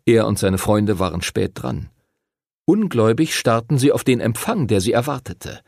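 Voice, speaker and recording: A man narrating a fantasy audiobook with a husky, gravelly voice and a lively, expressive delivery. The recording is close and dry. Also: fairly low pitch, normal speed, no echo. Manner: expressive, storytelling.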